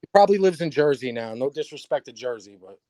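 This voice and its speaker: A man's voice: medium pitch, lively intonation, fast, dark tone, no room sound, studio quality. A man with a New York accent hosting a podcast, ranting sarcastically and profanely in casual chat. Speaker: podcast host. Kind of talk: casual livestream podcast rant.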